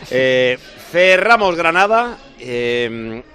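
A man's voice: medium pitch, big pitch swings, very slow, pushed and bright, faint music behind. A man with an accent from Spain anchoring a live football radio show, bantering with reporters. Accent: Spanish from Spain.

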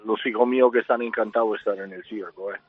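A Spanish man raised in Italy, speaking with an Italian accent as a circus manager interviewed by phone, halting and repeating words. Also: lowish voice, fairly even intonation, slightly rough. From Spain, raised in Italy. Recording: dry tinny phone line.

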